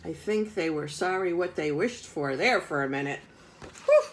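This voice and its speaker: A woman's voice: low voice, moderate pace, slight background noise, low-quality recording. A woman reading a picture book aloud to young children, adding chatty asides to the children. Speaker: storybook reader.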